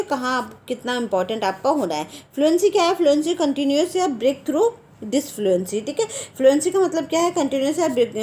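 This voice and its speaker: A woman teaching an exam-prep lecture in a lively way, asking her own questions and answering them. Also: sits high.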